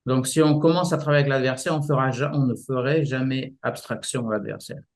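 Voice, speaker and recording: Male martial arts teacher, halting, vivid examples, guest interview. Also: mid-range voice, fairly even intonation. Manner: halting, many restarts, explains with images. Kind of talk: casual explanatory interview.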